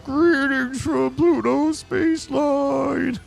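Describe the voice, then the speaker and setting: A man voicing a goofy, excitable clownish space ferryman in a video game, silly, theatrical and over-enthusiastic. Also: high-pitched, takes it slowly, creaky, soft background music, pitched above the performer's own voice, full character voice. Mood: grandiose, excited.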